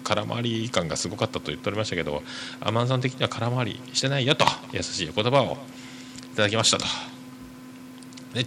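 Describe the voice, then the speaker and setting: A man hosting a podcast, reading listener mail aloud and chatting casually in a rambling, hesitant way full of drawn-out fillers. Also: fairly low pitch, bright, forceful tone, slight background noise. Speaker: podcast host.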